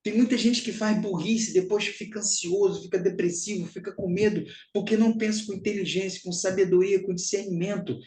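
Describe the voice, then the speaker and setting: A man's voice: high voice, fairly even intonation, fairly quick, hardly any pauses, a little mellow, echoey room, low-quality recording. A Brazilian man giving a spiritual teaching talk, emphatic and repetitive, calling his listeners brothers and sisters.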